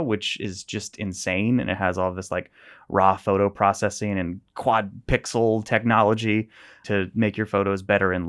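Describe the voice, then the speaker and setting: A man co-hosting a tech podcast, easygoing and chuckling as he rambles through the news. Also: lowish voice. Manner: easygoing, laughs a lot, rambling. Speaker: podcast co-host. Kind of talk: casual tech podcast chat.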